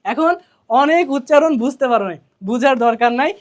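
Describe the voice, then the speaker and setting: Woman tutor, quick and higher-pitched, chatty drilling style. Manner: drills key answers by asking and repeating them; colloquial, chatty. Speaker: teacher. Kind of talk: exam revision lesson.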